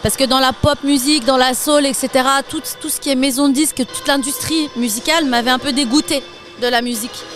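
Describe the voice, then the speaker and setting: A young French woman talking casually about her career in an interview, chatty and quick to laugh. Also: high voice, soft background music. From France. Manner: lively, laughs often, chatty with fillers. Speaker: interview guest, singer and DJ.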